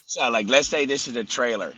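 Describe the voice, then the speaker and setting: A man's voice: mid-range voice, fairly quick, fairly bright tone, slight background noise, rough recording. A man guest telling a story in casual conversation, blunt and profane, rambling with many restarts. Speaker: podcast guest.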